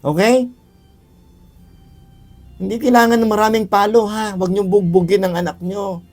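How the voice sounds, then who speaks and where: A man gives a Bible lesson in an earnest, pleading way. He calls his listeners brothers and sisters and repeats key phrases to press them home. His voice sits a little high, and faint music plays softly behind him. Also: steady tone, normal speed. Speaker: Bible teacher. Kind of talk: Bible teaching on child discipline.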